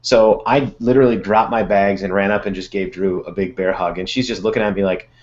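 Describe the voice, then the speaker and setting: A man telling relaxed anecdotes in casual panel chat. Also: fairly low pitch, a little fast, highs cut off, a little hiss or hum.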